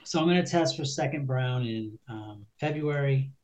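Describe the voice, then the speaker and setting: A man's voice: mid-range voice, moderate pace, darkish tone. A man in his forties, a musician guest, chatting casually in an interview, easygoing and rambling with many ums. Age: 40s.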